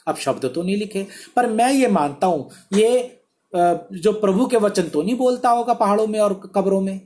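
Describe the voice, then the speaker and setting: A man's voice: high voice, moderate pace, warm tone. A male pastor preaching a sermon in an emphatic, exhortative way, asking many rhetorical questions.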